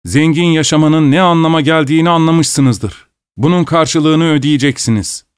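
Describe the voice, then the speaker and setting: A man voicing a smug male devil in blue glasses who slowly demands his due, in a storybook reading. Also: on the high side, clear, resonant tone, no echo, studio quality, voice pushed up, close to an everyday voice. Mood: mocking. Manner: slow, mocking, demanding.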